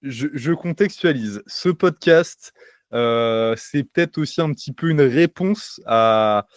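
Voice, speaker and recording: A man's voice: mid-range voice, slow, no echo, studio quality. A man hosting a casual podcast, talking loosely with many fillers and restarts. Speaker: podcast host. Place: home by the sea.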